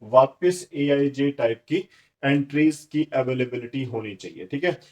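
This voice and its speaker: Male math teacher, slow deliberate delivery, asks and answers own questions. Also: medium pitch, low-quality recording. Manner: explains step by step, asking and answering his own questions; switches to slow, deliberate dictation when reading out matrix entries. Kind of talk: blackboard lecture.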